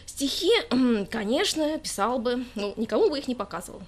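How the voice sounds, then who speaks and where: A woman's voice: fairly high pitch, animated, voice pushed up. A woman doing a drunk, pompous male poet. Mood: pompous sulking. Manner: whiny, loud, drawn-out self-important rants.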